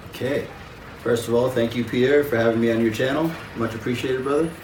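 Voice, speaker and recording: A man from Jamaica, a guest in an interview, speaking in a measured, reflective way with frequent pauses and fillers. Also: mid-range voice, fairly even intonation, echoey room, far from the mic, noisy background. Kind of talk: conversational interview.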